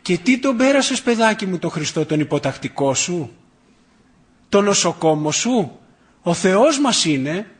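A man's voice: a little high, lightly acted. Man voicing an old grandmother figure, devout and firm, earnest scolding tone.

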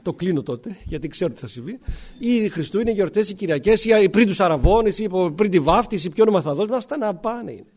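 High-voiced priest preaching a sermon. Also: male voice, expressive, a little mellow. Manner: explains and asks rhetorical questions, clears throat often.

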